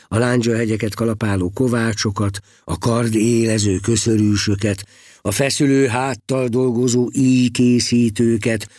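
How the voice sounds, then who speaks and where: A man narrating a story in an expressive, dramatic reading style. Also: medium pitch, no room sound, clean studio sound. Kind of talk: audiobook storytelling.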